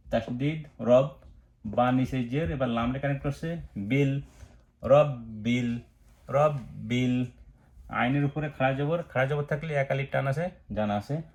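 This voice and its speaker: A man with a Bangladeshi Bengali accent teaching Quran recitation step by step, spelling out letters and marks, then chanting each word slowly. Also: mid-range voice. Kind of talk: slow step-by-step recitation lesson.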